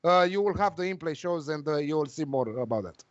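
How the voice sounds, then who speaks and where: A man giving casual football betting predictions in a hesitant, halting way, repeating words as he goes. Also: on the high side, expressive, dry recording, lo-fi sound.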